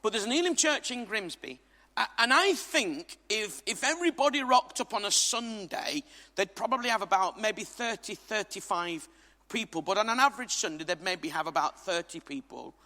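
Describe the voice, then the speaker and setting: A man's voice: sits high, animated, moderate pace, pushed and bright. A man from England preaching a sermon to a congregation, emphatic and jokey, with asides to the crowd. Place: church hall. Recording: reverberant hall.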